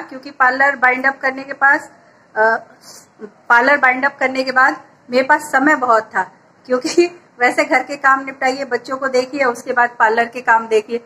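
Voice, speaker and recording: A woman's voice: high voice, pushed and bright. A woman in her thirties vlogging about her housework in a casual, chatty way, explaining each chore step by step. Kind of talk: casual home vlog narration.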